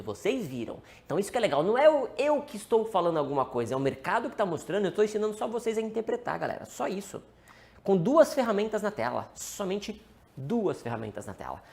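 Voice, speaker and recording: Animated Brazilian trading instructor, man. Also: high-pitched, vocal fry. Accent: Brazilian Portuguese. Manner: animated, asks and answers his own questions, calls out to viewers. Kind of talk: live-streamed trading lesson.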